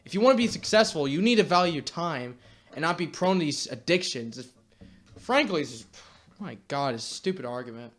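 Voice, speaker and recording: A man's voice: fairly high pitch, animated, brisk, fairly bright tone. A young man delivering a blunt, exasperated rant to camera, swearing casually as he lectures viewers. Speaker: YouTube commentator.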